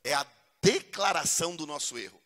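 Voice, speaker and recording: A man's voice: on the high side, lively intonation, normal speed, pushed and bright. A male pastor preaching a humorous sermon in a church, acting out prayers in voices. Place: church hall. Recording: long church reverb.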